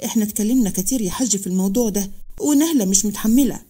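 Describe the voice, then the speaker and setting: A man's voice: sits high, racing, mellow. A woman voicing a blunt, skeptical grown son, with an Egyptian accent, in a narrated story. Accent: Egyptian Arabic.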